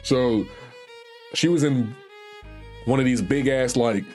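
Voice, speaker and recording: A man's voice: medium pitch, slow, soft background music. Profane Southern man telling a story. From Virginia, US. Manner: profane, animated, slangy, acts out other people's quotes. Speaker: streamer. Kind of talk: casual storytelling.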